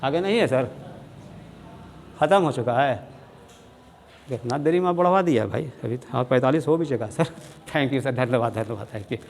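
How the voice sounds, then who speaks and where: A man's voice: mid-range voice, lively intonation, normal speed, vocal fry, pauses often, darkish tone, long reverb tail, slight background noise. A man with a Bihari Hindi accent teaching an English spelling lesson, saying each word several times and spelling it out letter by letter.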